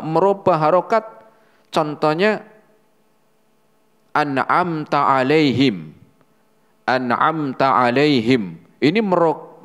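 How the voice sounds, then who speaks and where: Ustadz teaching slow, lots of rhetorical questions, big reverby hall. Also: male voice, on the high side. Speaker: Islamic teacher. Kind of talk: religious lesson on Quran recitation.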